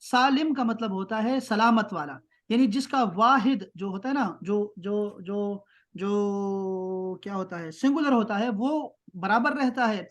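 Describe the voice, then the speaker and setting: A man teaching an online grammar class. He keeps checking that students follow and slows right down to spell out terms. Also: high voice. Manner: patient, keeps checking with "ٹھیک ہے؟".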